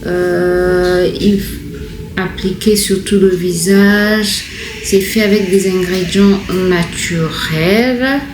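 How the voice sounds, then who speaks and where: A woman chats through a home vlog, her voice a little low, stopping often to restart or fill a pause. The room is echoey, with a faint hum of noise behind her. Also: fairly even intonation. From Congo. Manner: chatty, hesitant, many fillers and restarts. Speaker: vlogger. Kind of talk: casual vlog chat.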